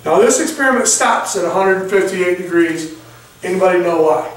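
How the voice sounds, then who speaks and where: A man with a high voice leads a live product demo, calling out numbers in a quick patter like an auctioneer and checking in with "okay?". He is far from the mic in a large room, and his voice rings with heavy echo. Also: lively intonation. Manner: folksy, repeats "okay?" to check in. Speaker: product presenter.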